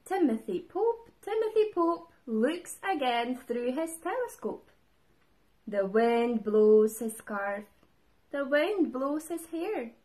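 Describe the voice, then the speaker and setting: Lively woman reading a picture book. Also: high voice. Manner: lively, expressive, shouts character lines. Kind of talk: storybook read-aloud for young children.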